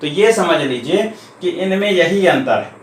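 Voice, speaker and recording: A man with a slightly high voice teaches a grammar lesson, going through each point patiently and repeating key terms slowly. He is recorded in an echoey room with a faint hum behind him. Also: animated.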